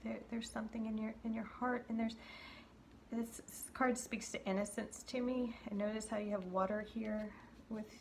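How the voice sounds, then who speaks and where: A woman reading tarot cards for her viewers in a soft, halting way. She has a gravelly, creaky edge to her voice and often restarts her sentences or drops to a whisper. A faint hiss of room noise sits behind her. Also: fairly high pitch, steady tone. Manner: gentle, halting, many fillers and restarts. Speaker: tarot card reader. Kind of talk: intuitive card reading to viewers.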